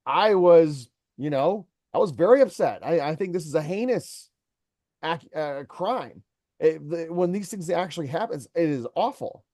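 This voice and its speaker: A man's voice: on the high side, animated, moderate pace, warm tone, dry recording, clean studio sound. A man who owns a company, giving an employee earnest one-on-one coaching and telling stories to make his point. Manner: earnest, storytelling, mentoring.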